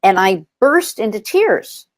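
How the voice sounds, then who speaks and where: In an interview, a nonprofit founder tells her stories earnestly, often pausing with ums and starting over. Her mid-range voice swings widely in pitch, her pace is slow, and the recording has no echo.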